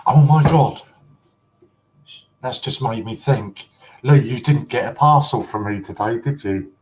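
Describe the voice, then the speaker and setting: A man's voice: medium pitch, moderate pace, rough recording. A man hosting a casual collector livestream, chatty and teasing, often breaking into giggles.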